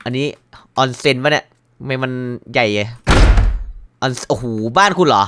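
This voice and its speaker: Male gamer, loose jokey commentary, jumpy, voice swinging high and low. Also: moderate pace, background noise. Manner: excitable, yelps and shouts at scares; jokey, reads game text aloud with wry asides. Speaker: gaming YouTuber. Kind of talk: casual let's-play commentary.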